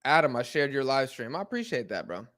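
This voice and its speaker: On his football watch-along stream, a young man reads chat and rambles in filler-heavy slang, bursting out excitedly at moments in the match. He talks quickly in a mid-range voice.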